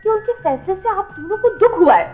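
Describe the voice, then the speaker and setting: A woman's voice: very high-pitched, big pitch swings, a little fast. An actress playing a bossy, teasing young woman who urges her cousin on, in an old TV drama. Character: young woman, sharp-tongued and scheming cousin. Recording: lo-fi old TV audio, faint music.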